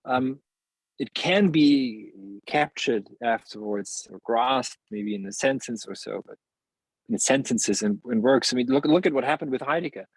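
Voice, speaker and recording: Husky, halting male philosopher guest. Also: medium pitch, expressive, no echo, rough recording. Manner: searching, halting phrasing with many restarts and laughs. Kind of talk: reflective interview conversation.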